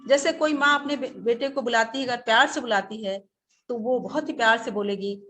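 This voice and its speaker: A woman teacher giving a webinar lecture, speaking slowly and deliberately, now and then acting out short examples. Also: on the high side, a bit bright.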